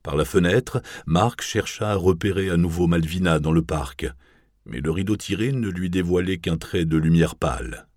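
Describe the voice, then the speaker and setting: A man narrating a novel in a measured, even audiobook reading. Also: sits low, no room sound, clean studio sound.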